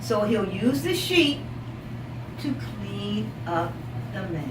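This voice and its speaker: Reading a picture book aloud to young children, a woman teacher with a mid-range voice asks them questions and encouragingly repeats what they say. She stretches out story words expressively for emphasis. The room echoes, the microphone is far away, and background noise is loud.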